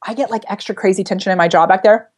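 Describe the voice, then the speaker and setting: Female speaking coach, quick and chatty, slight lisp, easy laughter. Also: medium pitch, steady tone. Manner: fast-talking, bubbly, laughs often. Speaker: vocal coach. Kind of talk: casual chat.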